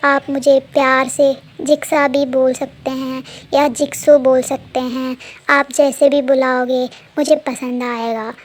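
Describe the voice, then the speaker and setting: A woman voicing a playful eleven-year-old robot boy who talks slowly and sweetly. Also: sits high, level tone. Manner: slow, sweet childlike delivery.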